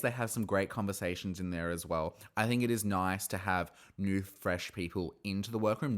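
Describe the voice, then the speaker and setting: A man hosting a podcast on his own, giving an opinionated, ranting review that gets heated and breaks into mocking high-voiced impressions. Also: fairly bright tone. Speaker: podcast host reviewing a reality show. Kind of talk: casual solo review.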